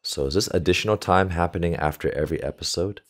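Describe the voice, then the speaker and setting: The reaction video host, who coaches volleyball, speaks fast in a low-pitched voice. He offers casual commentary as he thinks aloud into a close desktop USB microphone.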